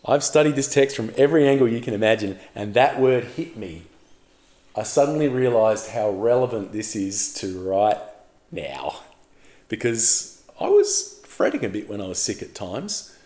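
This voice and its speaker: A man preaching a sermon as a pastor, telling the story in a lively way and putting questions to the congregation. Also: on the low side, normal speed, roomy sound.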